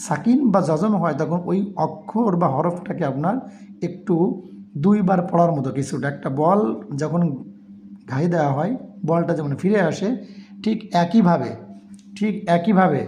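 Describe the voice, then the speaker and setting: A man teaching Quran reading step by step, spelling out each letter and vowel and then reciting slowly. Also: fairly high pitch, a little mellow, slight background noise.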